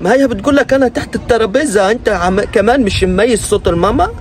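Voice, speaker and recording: A man's voice: high-pitched, racing. A man hosting a reaction video, ranting in mock outrage and exasperation. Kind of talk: comic reaction commentary.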